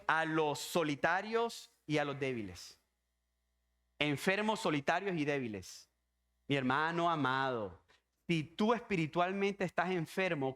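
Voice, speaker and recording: Emphatic pastor preaching. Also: male voice, on the high side, fairly bright tone. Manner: emphatic, repetitive preaching with rhetorical questions. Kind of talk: sermon.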